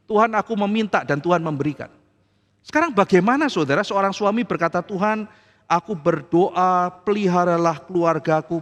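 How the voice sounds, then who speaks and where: A man's voice: high voice, fairly bright tone, big-room sound. A man preaching a sermon as pastor in a church, chatty and acting out the voices he quotes. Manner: conversational, acts out quoted voices. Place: church hall.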